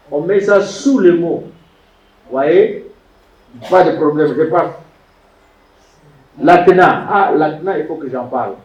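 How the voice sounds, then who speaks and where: A man with a fairly high, slightly mellow voice teaches biblical Hebrew grammar, repeating words and quizzing his class as he lectures. The lo-fi classroom recording sounds roomy, distant and dull.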